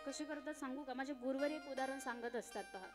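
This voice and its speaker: High-voiced woman preaching a kirtan. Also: quick pace, over music. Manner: animated, dramatic storytelling, acting out each figure. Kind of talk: devotional kirtan sermon with storytelling.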